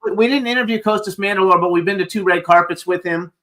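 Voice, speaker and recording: A man's voice: high-pitched, fast, a bit bright. A man hosting a casual interview show, enthusiastic and informal, swearing freely as he chats. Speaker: talk show host.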